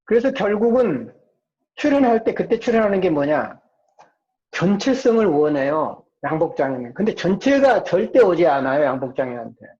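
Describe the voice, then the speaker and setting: Here a male psychology professor gives a casual lecture in a high, sing-song, mellow voice at normal speed. He habitually asks questions only to answer them himself, captured on a muffled, dull lo-fi lecture recording.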